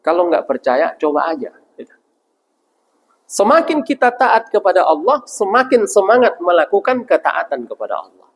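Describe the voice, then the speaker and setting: Male preacher, high and animated voice, quizzing the congregation in a reverberant hall. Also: normal speed, slightly rough. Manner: asks the audience questions and answers them himself; addresses listeners as Pak. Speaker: ustaz preacher. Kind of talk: religious lecture to a congregation.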